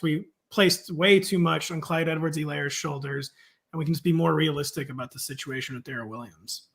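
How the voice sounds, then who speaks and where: A man's voice: a little high, vocal fry, fairly bright tone. A man from the St. Louis suburbs talking fantasy football in a casual chat, full of "like" fillers.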